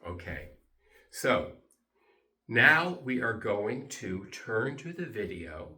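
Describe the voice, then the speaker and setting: A man teaching English pronunciation in a deliberate way, repeating and spelling words and giving Spanish translations, recorded in an echoey room. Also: medium pitch, sing-song, pushed and bright. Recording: echoey room, distant microphone.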